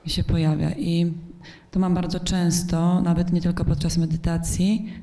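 Hesitant woman workshop participant, low mellow voice. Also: little pitch movement, moderate pace. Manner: hesitant, searching for words. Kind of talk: asking questions in a group.

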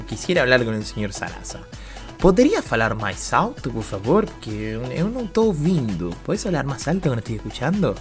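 A man with a Rioplatense Spanish accent hosting a podcast language lesson, playful and jokey as he mixes two languages. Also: medium pitch. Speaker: language teacher and podcast host.

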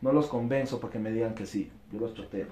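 A man with a lowish voice gives an animated motivational talk about network marketing to an audience, acting out quick bits of dialogue. The room is echoey, with slight background noise.

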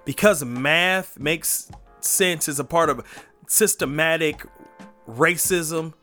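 High, bright-voiced preachy podcast host man. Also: slow, faint music behind. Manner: hype, sing-song intro then preachy, emphatic delivery. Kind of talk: energetic faith podcast monologue. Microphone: podcast microphone.

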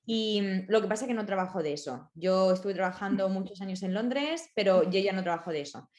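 A woman with a Spain Spanish accent who works as a Spanish tutor, telling her story in an animated way in a casual conversation. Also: mid-range voice, a little fast.

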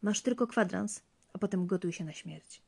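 A woman voicing a cruel, threatening husband in a spoken fairy tale, with quiet, cold menace. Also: mid-range voice, moderate pace, vocal fry, breathy edge.

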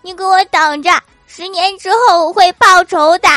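A woman's voice: moderate pace, soft background music. A woman voicing a crying little girl who threatens revenge in a comedy story. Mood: whiny threat. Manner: whiny, high and loud.

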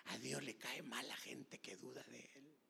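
A man preaching a sermon, swinging between shouted passages and hushed whispers, calling the listener "brother" again and again. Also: medium pitch, steady tone, a little slow, vocal fry, breathy edge. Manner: repeats "hermano" constantly. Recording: long hall reverb.

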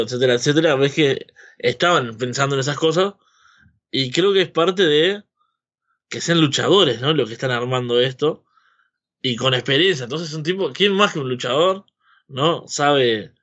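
A man's voice: mid-range voice, fairly bright tone. A man with a Rioplatense Spanish accent in casual, rambling chat, often tagging his opinions with a question, on a slightly dull microphone. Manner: rambling, seeking agreement with frequent tag questions. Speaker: wrestling podcast host.

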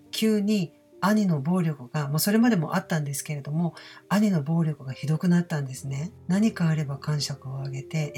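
Host, female, low register, candid chatty storyteller from Osaka, faint music under her. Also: darkish tone. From Osaka, Japan. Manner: candid, chatty, self-deprecating asides. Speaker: channel host. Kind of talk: casual personal storytelling.

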